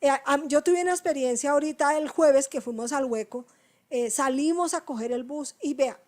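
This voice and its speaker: A woman's voice: high-pitched, moderate pace, a little mellow. A woman preaching a sermon, emphatic and repeating her phrases for effect. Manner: emphatic, repeats phrases, voices others' complaints.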